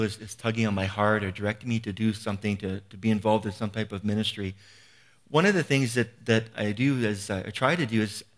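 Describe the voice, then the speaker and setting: Man, fifties, lowish voice, earnest preacher, conversational sermon, rhetorical questions. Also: fairly bright tone.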